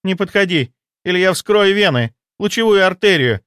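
A man voicing a jealous, desperate female doctor in an audiobook, pleading and shrill. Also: animated, normal speed, a bit bright, clear, resonant tone, no room sound, clean studio sound. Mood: hysterical. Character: jealous, hysterical female doctor, young adult.

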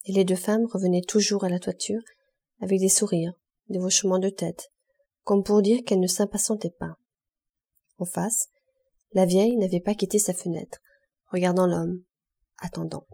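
A woman narrating a classic novel as an audiobook reader, measured and expressive in short phrases. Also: medium pitch, gravelly, breathy edge. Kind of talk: scripted literary narration.

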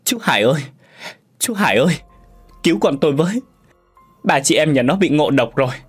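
A man's voice: mid-range voice, sing-song, fast talker, breathy edge, faint music behind. A man voicing a poor, desperate older village uncle in a spoken story, with a wailing, pleading delivery.

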